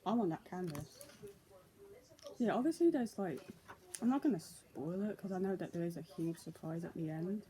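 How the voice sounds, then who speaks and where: A woman's voice: fairly low pitch, animated, normal speed, warm tone, rough recording. A young woman chatting casually through a vlog, rambling with lots of "so, yeah" fillers, recorded on a tablet's built-in mic. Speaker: vlogger. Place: indoors in daylight.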